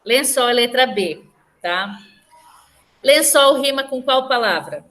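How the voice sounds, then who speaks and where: A woman's voice: a little high, animated, takes it slowly, fairly bright tone. A woman with a Brazilian Portuguese accent, a teacher explaining a lesson patiently and often checking that the class follows.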